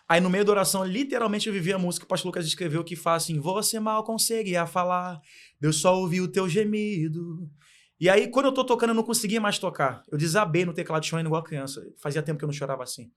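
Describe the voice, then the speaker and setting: A man's voice: a little high, racing, a bit bright. A young man from Brazil, telling an emotional faith testimony as a guest, earnest and heartfelt with much repetition.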